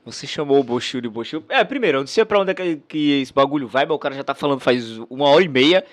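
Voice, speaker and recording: A man's voice: medium pitch, fast talker, no room sound. A man giving slangy, sarcastic react commentary on a debate video.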